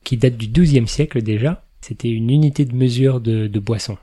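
A man's voice: mid-range voice, normal speed, dark tone. A man hosting a podcast in a casual, explanatory chat, laughing now and then at his own remarks. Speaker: podcast host.

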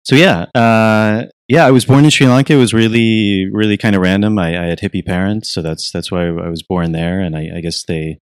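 Young American man, very low voice, dry sound, soft-spoken interviewee. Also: steady tone, a little fast, few pauses, clean tone, no echo. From United States (Virginia). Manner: soft-spoken, thoughtful, frequent restarts and fillers. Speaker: interviewee, retreat program teacher. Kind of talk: reflective interview answers.

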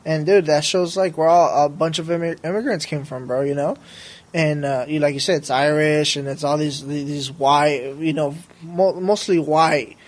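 A man's voice: fairly high pitch, fairly even intonation, normal speed. A man as a podcast guest, talking casually in a rambling, slangy way and often checking for agreement. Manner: slangy, rambling, peppered with bro and right. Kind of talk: casual conversation.

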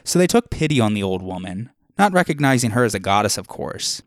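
A man's voice: lowish voice, a little fast, no room sound. Man narrating myths in a dry booth. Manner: steady storytelling with asides. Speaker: podcast host.

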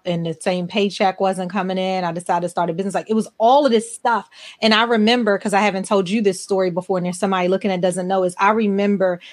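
A woman in her forties hosting a podcast interview, telling personal stories in an earnest, emphatic way. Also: on the low side. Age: 40s. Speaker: podcast host. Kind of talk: conversational interview.

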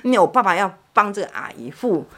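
A woman's voice: medium pitch, very animated, fast. A middle-aged woman with a Taiwanese Mandarin accent, telling a family story as a podcast guest in a frank, blunt way, often repeating words as she talks. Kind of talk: personal storytelling chat.

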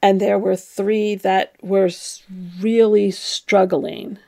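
A woman's voice: mid-range voice, flat delivery, slow, creaky, warm tone. A middle-aged woman, a former nun, telling her story frankly and reflectively in an interview.

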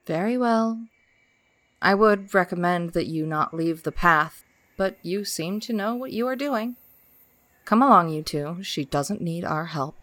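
A man reading a storybook voices a calm, aloof antelope-like forest creature with a formal, measured manner. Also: high-pitched, no room sound, voice pushed up, exaggerated voice.

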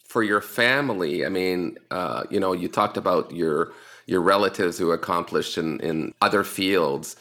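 A man's voice: deep voice, measured pace, pushed and bright. A man hosting an interview show, asking his guest questions and laughing along with him.

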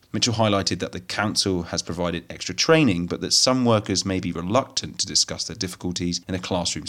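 Male news presenter, low-pitched, scripted read with a steady, measured cadence. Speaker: host of a technology news roundup.

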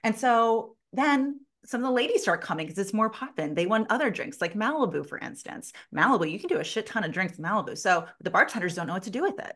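A woman sales consultant telling a lively story in a casual interview, full of "like" fillers and casual swearing. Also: medium pitch, fast, few pauses. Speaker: sales consultant and podcast guest.

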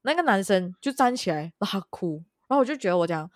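A woman's voice: mid-range voice, lively intonation, quick pace, dry recording, studio quality. A woman co-hosting a casual chat, telling a long story and dropping English words into her speech. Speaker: podcast co-host.

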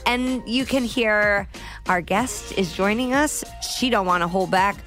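A woman hosting a podcast in a studio, chatting playfully with quick banter and frequent laughs. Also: medium pitch, a bit bright, faint music behind. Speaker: podcast host. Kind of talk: casual chat.

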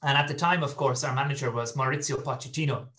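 A man's voice: mid-range voice, fairly even intonation, fast talker, pushed and bright. A man around thirty with a west of Ireland accent, telling personal stories as a guest in a casual interview. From Galway, west of Ireland. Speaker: podcast guest, football fan.

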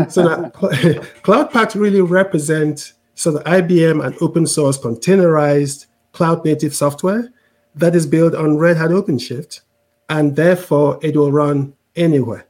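Warm-toned man with a mixed international accent. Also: fairly high pitch, a little slow. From Cameroon. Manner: explanatory, repeats words, frequent "right?" tag questions. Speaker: interview guest, tech executive. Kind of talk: conversational explanation.

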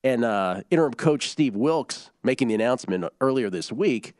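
Male sports betting co-host, very lively pitch, dry studio sound, chatty and joking. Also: normal speed, no echo. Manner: chatty, joking, rattles off scores and odds. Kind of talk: casual sports betting chat.

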